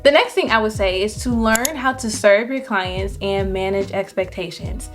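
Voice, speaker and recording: A young adult woman photographer giving casual, encouraging business advice to viewers, with lively jumps in pitch when she stresses a point. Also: normal speed, soft background music. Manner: chatty and encouraging, animated pitch jumps on emphasis.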